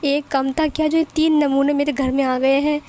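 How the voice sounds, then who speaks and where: A woman voicing a stern, exasperated young father who scolds in quick, blustery bursts. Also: extremely high pitch, level tone, a little mellow. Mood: scolding.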